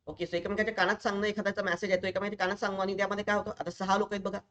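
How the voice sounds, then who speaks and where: A man's voice: sits high, flat delivery, rapid-fire, pushed and bright. A man teaching exam preparation in a recorded online lecture, explaining each step and speaking directly to his students.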